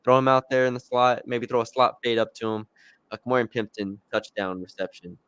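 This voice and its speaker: Smooth-voiced man in casual sports chat. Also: mid-range voice, a little fast, fairly bright tone, no echo. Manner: conversational, hesitant with fillers and restarts. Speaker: sports podcast co-host.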